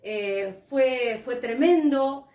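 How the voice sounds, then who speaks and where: A woman's voice: a little high, extremely slow, a little mellow, echoey room. A woman pastor with an Argentine Spanish accent, telling a personal testimony in a sermon, heartfelt, with many fillers and restarts.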